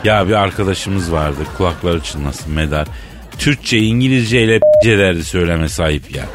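A man's voice: low voice, normal speed, heavy background noise. A man co-hosting a comedy radio show, telling stories with a playful, teasing manner and acting out dialogue. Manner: playful teasing storyteller who acts out dialogue. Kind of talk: comic radio banter.

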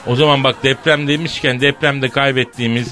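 Bright-voiced joking male radio host. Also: medium pitch, fairly even intonation, fairly quick, soft background music. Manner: jokey storyteller, spins long anecdotes. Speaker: radio morning show host. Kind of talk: casual comic banter on radio.

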